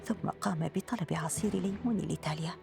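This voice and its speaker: A woman reads the narration of a radio drama in measured formal Arabic. Her voice sits on the lower side, and clear music plays behind her. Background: background music.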